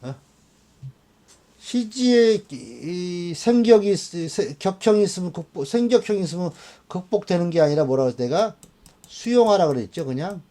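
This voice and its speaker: A man teaching a class of students, animated and often checking that they follow along. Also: sits high, moderate pace. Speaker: fortune-telling teacher. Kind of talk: classroom lecture.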